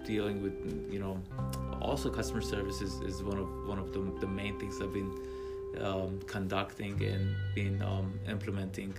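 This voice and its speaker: Low gravelly man with guitar behind. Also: monotone, normal speed. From Armenia. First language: Armenian. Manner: hesitant, many fillers and restarts. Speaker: spa co-owner, guest. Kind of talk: casual interview answers. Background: guitar music.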